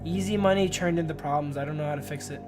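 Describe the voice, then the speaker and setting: A live streamer, a man with a fast, somewhat high voice, does casual game commentary, reading story text aloud and chatting in loose, informal slang. He often calls listeners bro and dude, with music playing behind him.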